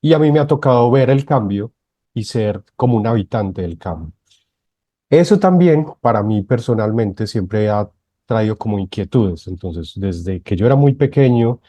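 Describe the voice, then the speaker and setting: A man from Medellín with a Colombian accent, a branding expert talking calmly as a podcast guest. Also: medium pitch, normal speed, dry recording. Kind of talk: podcast interview.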